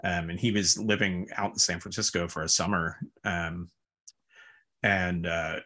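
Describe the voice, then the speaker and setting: A man's voice: low-pitched, flat delivery, a little slow, pushed and bright. A man, a record label founder, telling long casual stories in an interview, full of fillers and asides. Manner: rambling anecdotes with frequent fillers and laughs.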